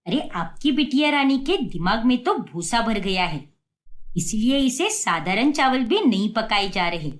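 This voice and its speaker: A woman voicing a strict, sarcastic middle-aged mother in an animated story. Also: fairly high pitch, unhurried, pitched below the performer's own voice. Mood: scolding. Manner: nagging, sarcastic.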